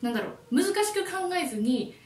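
A Japanese woman who teaches English, giving a friendly and lively YouTube lesson. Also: sits high, brisk, roomy sound, far from the mic.

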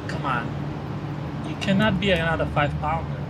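Out on a river in a small boat, a male vlogger with a slightly high, expressive voice cheers on his catch and talks to viewers at a normal speed. A camera on the boat records it all, along with plenty of traffic and outdoor noise.

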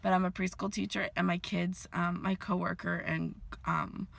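Filming herself in her car with the phone at arm's length, a vlogger in her twenties chats and rambles, full of fillers. She's hoarse and losing her voice, which sounds fairly low, level, creaky and moderately paced.

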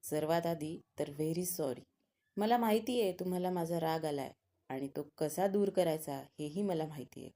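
A charming young male singer , played by a woman narrator, speaking smoothly and romantically to a crowd. The tone is low and mellow. It is told as a spoken storybook. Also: moderate pace, natural voice. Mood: romantic.

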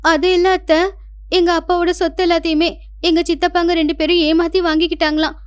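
A woman's voice: extremely high pitch, flat delivery, fast talker. A woman voicing a proud, pampered elder daughter-in-law in a cartoon story, sounding indignant and upset.

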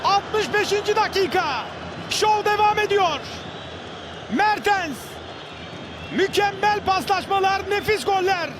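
A Turkish man screaming excited football match commentary, repeating names and phrases emphatically. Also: very high-pitched, takes it slowly. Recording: loud music and stadium crowd behind commentary. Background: loud music and crowd noise.

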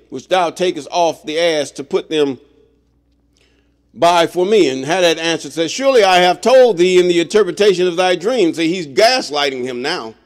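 Man reading scripture with blunt asides. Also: fairly high pitch. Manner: reads slowly, breaks in with blunt asides. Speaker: scripture reader and commentator. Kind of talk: reading scripture aloud with commentary.

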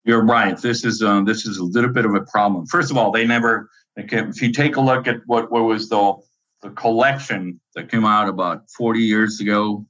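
A man with an Italian accent, a professor guest answering at length in animated, lecturing speech with frequent fillers and restarts. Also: on the low side, moderate pace, highs cut off. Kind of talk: interview answers.

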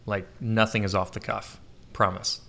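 A man's voice: fairly low pitch, moderate pace, gravelly. A man hosting a casual live podcast, joking and rambling with his co-host. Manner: jokey, rambling, animated.

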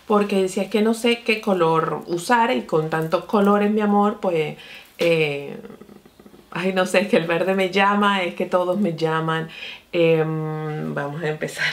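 Excitable low-pitched woman with a gravelly voice. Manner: chatty and excitable, often says "mi amor" and "señores". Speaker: beauty vlogger. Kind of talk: casual makeup review and tutorial.

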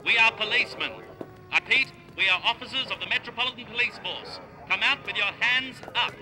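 An actor playing an officious police officer who calls out formal commands through a megaphone. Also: male voice, high-pitched, a little fast, music in the background. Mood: commanding. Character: officious male police officer issuing orders.

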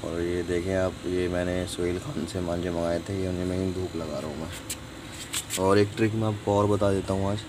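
A man's voice: low voice, level tone, normal speed. A man casually explaining a how-to in a vlog, chatty and instructive, slipping in English phrases. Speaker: vlogger. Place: outdoors in a sunny courtyard. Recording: noisy outdoor phone recording.

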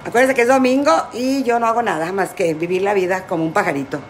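A woman's voice: medium pitch, fast talker, a little hiss or hum. Tipsy, foul-mouthed Mexican woman cooking. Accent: Mexican Spanish. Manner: crude, joking, rambling storyteller. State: tipsy and high. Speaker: cooking livestream host. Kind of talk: casual livestream chat while cooking.

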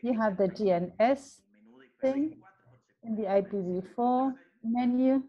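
A woman giving a technical presentation in a measured, step-by-step way, interpreting for the speaker. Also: a little high. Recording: dull lo-fi webinar audio.

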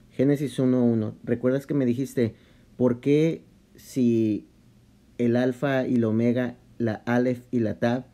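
In a casual vlog, a man with a mellow, mid-range voice explains a Bible study. His delivery is halting and conversational, full of restarts and sprinkled with English slang.

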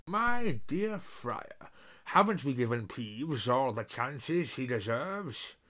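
A man's voice: medium pitch, big pitch swings, slow pace, a bit bright. A man voicing a fussy, genteel nobleman ghost in a ruff. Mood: exasperated.

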